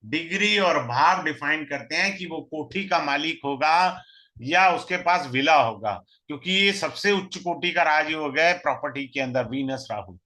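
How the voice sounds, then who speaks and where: A man's voice: a little high, animated, moderate pace, bright, forceful tone. A man teaching astrology in a recorded lesson, mixing in English terms and asking the class questions that he answers himself. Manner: mixes in English terms and repeats key phrases. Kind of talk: recorded online lesson, explaining step by step.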